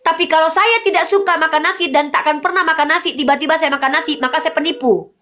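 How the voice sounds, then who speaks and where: A woman's voice: high voice, fast, sharp tone. A woman arguing in a heated debate, lecturing insistently and pressing the same questions again and again.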